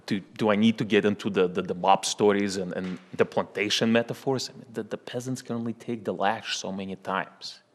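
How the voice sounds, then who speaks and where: A man's voice: fairly low pitch, steady tone, natural voice. A man playing a smug Russian union boss. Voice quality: broken English, halting repetitions. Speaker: union spokesman. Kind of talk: comedy sketch acting. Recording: long hall reverb.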